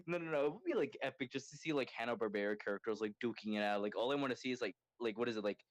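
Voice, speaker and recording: Rambling, excitable man in dry close sound. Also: medium pitch, rapid-fire, dry recording. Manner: rambling, excitable, filler-heavy with constant "like". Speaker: podcast co-host. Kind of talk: casual chat.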